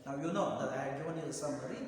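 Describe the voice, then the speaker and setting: A man's voice: medium pitch, rapid-fire, very echoey, big-room sound, poor audio. A man teaching a poetry lesson, explaining and often repeating lines and asking "huh?".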